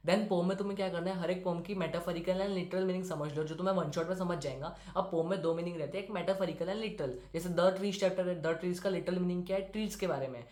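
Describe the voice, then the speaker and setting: A teenage boy from India, a student giving brisk, direct exam-prep advice as a study-tips talk to camera. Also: high voice, darkish tone. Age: teens. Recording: roomy echo.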